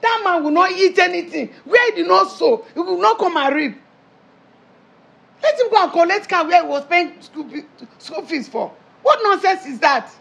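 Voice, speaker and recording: Performer playing a gravelly Nigerian mama. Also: sits high, sing-song, a little slow, few pauses, fairly bright tone, exaggerated voice. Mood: indignant. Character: pushy Igbo mother of the bride, loud and preachy. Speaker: mother-in-law character. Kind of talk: comedy skit acting.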